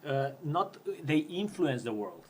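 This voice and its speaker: A man's voice: mid-range voice, sing-song, unhurried, husky. A man hosting a conversation, pushing back earnestly on his guest's claims. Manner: earnest, pushes back, some restarts. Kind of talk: conversational debate.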